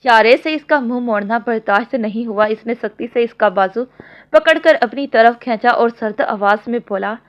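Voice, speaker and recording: A woman reading a romance novel aloud in a steady, storybook narration. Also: a little high, normal speed. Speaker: novel reader. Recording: dull lo-fi audio.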